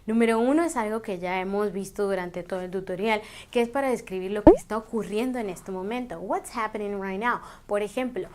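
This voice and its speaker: A woman teaching English grammar in a tutorial, explaining slowly and repeating the example words. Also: mid-range voice, darkish tone, slight background noise. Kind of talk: screen-based grammar tutorial.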